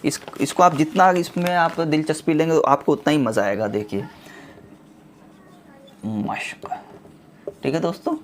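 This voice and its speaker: A man teaching the Urdu alphabet to his viewers, reciting each letter slowly and patiently and addressing them as friends. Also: fairly high pitch, a little hiss or hum. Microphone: small clip-on mic.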